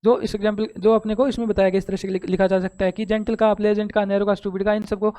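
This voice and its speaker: Indian teacher, grammar lesson, smooth clear voice, middle pitch, repeats each rule step by step. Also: flat delivery, dark tone. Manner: repeats rules step by step, asks and answers own questions; reads English rules slowly from a text. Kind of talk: grammar lesson explaining rules.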